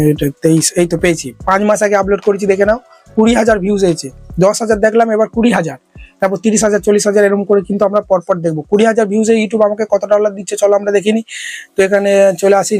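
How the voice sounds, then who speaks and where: A man's voice: sits high, a little mellow, dry recording. A man narrating a screen-recorded tech tutorial, chatty and checking in with the viewer. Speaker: tech YouTuber.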